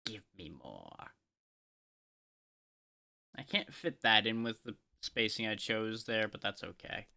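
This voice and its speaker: A man streaming live gameplay, talking through his choices with playful, excitable, mock-boastful trash talk. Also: fairly low pitch, takes it slowly, creaky, long pauses.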